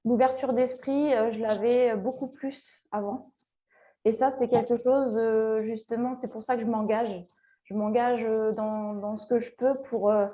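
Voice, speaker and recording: A woman's voice: fairly high pitch, dull audio. A woman farmer answering a panel question hesitantly, searching for her words.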